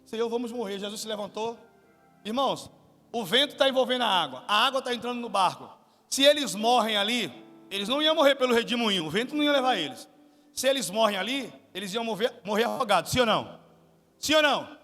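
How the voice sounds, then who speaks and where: A high-pitched man delivers a sermon in a church hall, his tone bright and sharp. He questions the congregation and swells to shouts. Long reverb and faint music linger behind him. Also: animated, quick pace. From Salvador, Brazil. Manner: asks the congregation questions, builds to shouted climaxes. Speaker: guest pastor.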